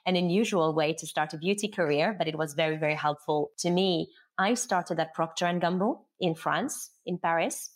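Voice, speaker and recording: A middle-aged woman from Morocco, a company co-founder, telling her career story as an interview guest. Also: deep voice. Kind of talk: interview conversation.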